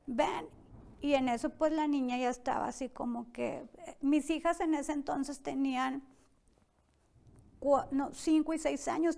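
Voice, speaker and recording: Guest: young woman, high voice, tense personal testimony told with many quoted exchanges. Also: creaky, darkish tone. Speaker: interview guest.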